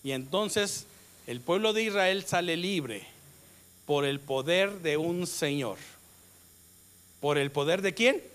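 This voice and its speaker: A man's voice: fairly high pitch, animated. A man with a Mexican Spanish accent preaching a sermon, stressing his words and asking the congregation questions for them to answer back. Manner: call-and-response questions to the congregation; slow, emphatic delivery with sudden loud rises. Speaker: pastor.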